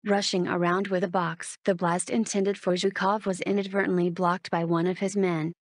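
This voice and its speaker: A woman reading an action audiobook as narrator in a steady, even manner. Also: on the low side, moderate pace, dry recording, studio quality. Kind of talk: scripted narration.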